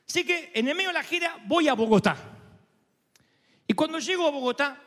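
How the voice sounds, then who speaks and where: A man's voice: extremely high pitch, animated, brisk, a bit bright, in a large hall. A middle-aged Argentine man preaching, telling a story animatedly and acting out the dialogue and prayers. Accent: Argentine Spanish. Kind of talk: storytelling sermon.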